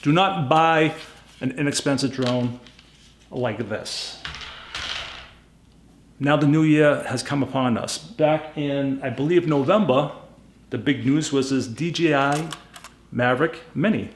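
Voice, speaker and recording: A man's voice: mid-range voice, unhurried, pauses often, reverberant, a little hiss or hum. A man from New England with a Boston accent gives a casual, unscripted product review, plainspoken and emphatic, repeating himself for stress. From New England, USA. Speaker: YouTube gadget reviewer.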